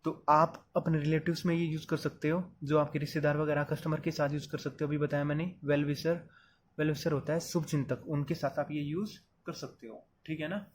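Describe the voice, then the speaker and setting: A man's voice: a little high, level tone, moderate pace, slight background noise. Chatty man explaining English phrases. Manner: chatty, explains step by step, calls the viewer "brother". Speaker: English teacher.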